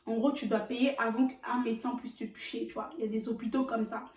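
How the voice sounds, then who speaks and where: Animated young woman with a high voice. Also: fairly quick, background noise. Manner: animated, emphatic, speaks straight to viewers. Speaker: vlogger. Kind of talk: storytime vlog. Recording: roomy echo, mic at a distance.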